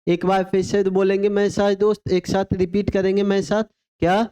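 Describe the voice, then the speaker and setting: A man's voice: high-pitched, monotone, a little fast, dark tone, smooth. A man teaching an exam vocabulary lesson, spelling words out letter by letter and asking questions that he answers himself. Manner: call-and-response drilling, spells words letter by letter; asks rhetorical questions then answers them. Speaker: English teacher.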